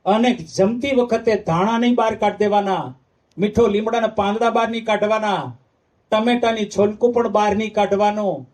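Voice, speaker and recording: A man's voice: high-pitched, a little mellow. A man, a monk giving a devotional sermon, who sings verses and asks the audience emphatic questions. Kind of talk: devotional discourse with sung verses.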